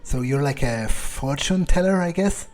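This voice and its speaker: A man with a medium-pitched, darkish voice speaks unhurriedly with lively intonation. He's role-playing his character during a video game playthrough, thinking aloud in a musing, hesitant, sardonic way. Faint game ambience sits in the background.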